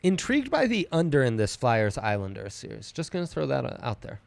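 Man, betting show co-host, playful casual banter, mid pitch, dry studio-like sound. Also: wildly swooping pitch, a little fast, gravelly, no room sound.

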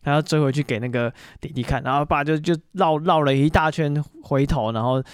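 A man hosting a podcast, casually telling stories alone and pausing on fillers as he goes. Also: fairly high pitch, smooth, dry recording, clean studio sound. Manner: chatty, animated retelling full of fillers. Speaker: podcast host. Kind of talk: casual solo storytelling monologue.

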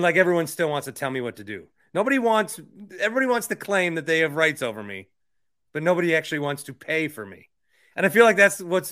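An American man hosting a podcast interview, chatting casually about sports and politics in a rambling way with animated asides. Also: fairly high pitch. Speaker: podcast host interviewing a guest.

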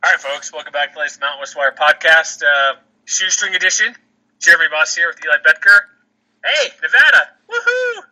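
Fast, sharp-voiced male podcast host, chatty, heard over a muffled phone line. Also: fairly high pitch, big pitch swings. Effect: over a phone call. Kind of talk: casual sports chat.

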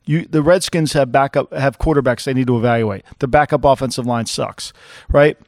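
A man's voice: medium pitch, a little fast, darkish tone, no echo, studio quality. A man co-hosting a football podcast, blunt and opinionated, rambling with restarts in casual sports talk. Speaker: co-host, former NFL executive.

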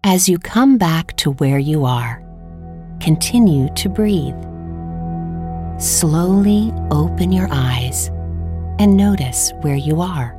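A woman guiding a relaxation meditation with slow, calm, soothing instructions. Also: deep voice, music in the background. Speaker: meditation guide. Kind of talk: scripted guided meditation.

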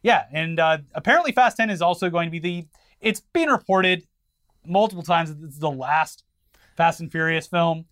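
A man's voice: fairly high pitch, normal speed, fairly bright tone. A man co-hosting a podcast, chatting casually and wryly while he covers the news. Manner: wry, opinionated, covers the news. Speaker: podcast co-host. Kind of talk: casual chat.

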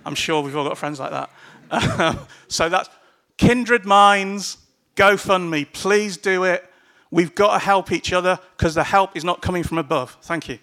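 Speaking to a crowded meeting room as a panelist at a political event, this man has a high-pitched, bright, forceful voice and a slightly slow delivery. He's loose and chatty, begging the audience with laughs and some swearing.

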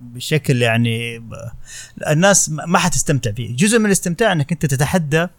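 A middle-aged man with a Saudi accent, a novelist guest, speaking in a casual discussion and often pausing and searching for words. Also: a little high, lively intonation, no room sound. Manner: halting, searching for words with many fillers.

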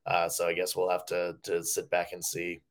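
A man's voice: low-pitched, monotone, moderate pace. A man hosting a sports podcast, talking in an easygoing, wry way as he wraps up the show. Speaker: podcast host. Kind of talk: casual podcast chat.

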